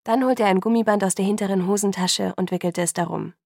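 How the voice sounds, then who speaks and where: Woman reading a story aloud, calm, some vocal fry, dry close sound. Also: medium pitch, fast, no echo. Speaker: audiobook narrator. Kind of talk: first-person audiobook reading.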